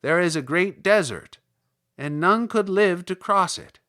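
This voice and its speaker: A man doing a loud, grave Munchkin. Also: high-pitched, animated, a little slow, voice pushed up, full character voice. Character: small Munchkin, grave warner.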